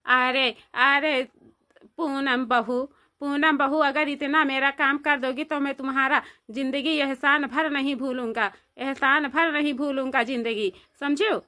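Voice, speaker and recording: A high, bright Awadhi voice for a lovesick village mother who pleads in thick rustic dialect, as a woman acts her out. She sounds like a comic cartoon matriarch. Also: fairly even intonation, measured pace. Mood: pleading. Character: lovesick older village mother chasing her son-in-law. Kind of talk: cartoon voice acting.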